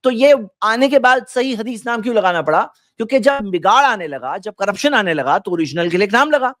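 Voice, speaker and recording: A man's voice: high voice, expressive, pushed and bright, no room sound, clean studio sound. A man giving a religious talk, quoting Arabic and then translating it, and pressing his point with rhetorical questions. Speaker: Islamic preacher.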